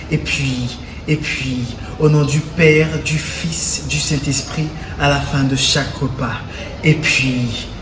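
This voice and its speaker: A young man, a student, declaiming poetry with the deliberate, theatrical delivery of a hammy stage actor. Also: a little high. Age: teens to young adult. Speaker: student reciting in a reading contest. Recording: roomy, distant mic, clear background noise.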